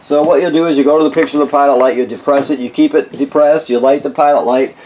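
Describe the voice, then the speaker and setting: A man's voice: fairly high pitch, steady tone, fast talker, darkish tone, poor audio. A man giving an informal, instructional product walkthrough, explaining features plainly and often checking that he is followed. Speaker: RV walkthrough technician. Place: in and around a travel trailer.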